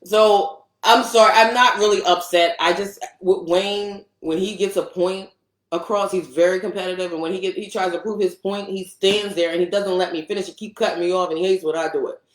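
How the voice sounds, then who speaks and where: Animated woman reading comments in a roomy space. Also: medium pitch, a little fast. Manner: animated, teasing, reads comments aloud. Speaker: co-host of a couple's live stream. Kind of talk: casual live-stream chat reading viewer comments. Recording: roomy echo.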